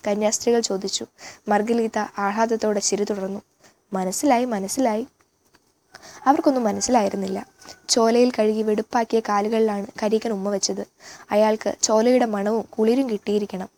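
A woman reading a literary novel aloud in a measured, expressive way. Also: medium pitch. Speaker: audiobook reader.

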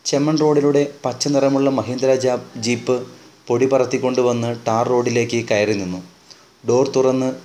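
A man narrating a novel in a steady, measured audiobook reading. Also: mid-range voice.

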